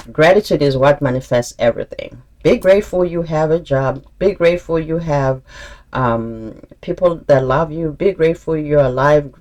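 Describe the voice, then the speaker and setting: A man reads tarot straight to his viewers in an earnest, encouraging tone. He talks casually, calls listeners "honey", and repeats himself and restarts as he works through the cards. His voice sits at an ordinary middle pitch. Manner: earnest, encouraging, spiritual advice in direct address. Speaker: tarot reader. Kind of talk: intuitive tarot reading to camera.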